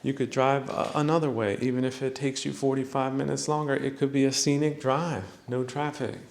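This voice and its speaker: A man's voice: mid-range voice, level tone, brisk, gravelly, reverberant. A man hosting a podcast, giving a mocking, preachy spiritual monologue that he breaks up with laughs. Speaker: podcast host.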